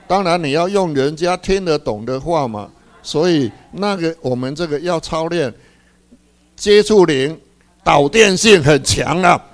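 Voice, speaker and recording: A man's voice: fairly high pitch, measured pace. A middle-aged man giving a church talk, mixing teaching with a laughing personal story and repeating his words. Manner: laughs often while telling stories, repeats words. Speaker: church speaker sharing with brothers. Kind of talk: sermon with personal anecdote.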